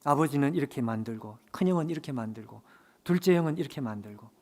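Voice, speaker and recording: A man's voice: medium pitch, lively intonation, quick pace, darkish tone. A man preaching a sermon at a church service. He tells a story with emphasis and speaks directly to the congregation.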